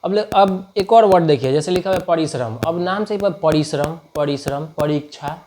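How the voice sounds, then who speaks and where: A man teaching a spoken lesson, chatty, often checking whether learners follow and repeating example words slowly to show their sounds. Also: high-pitched, expressive, noisy background. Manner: chatty, keeps asking learners if they understand. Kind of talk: spoken Hindi writing lesson.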